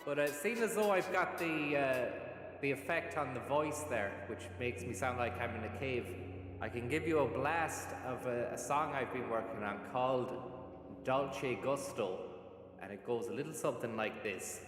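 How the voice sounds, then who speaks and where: A man's voice: medium pitch, moderate pace, a bit bright, soft background music. A man hosting a livestream through a cave echo voice effect, thanking tippers and crooning a silly song. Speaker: livestream host. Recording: cavernous echo with long reverb.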